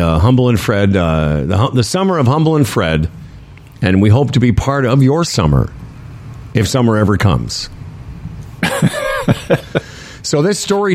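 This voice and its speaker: A male host with a middle-range voice who chats loosely with his co-hosts. He moves from story to story in a relaxed, conversational manner. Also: mid-range voice. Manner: easygoing, chatty storytelling. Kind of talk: casual radio chat.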